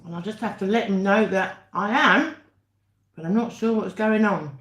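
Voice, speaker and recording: The recording is muffled and the room echoey as a British woman hosts a casual livestream, talking to viewers while she eats dinner mukbang-style. Her voice is mid-range and a bit bright, at a moderate pace.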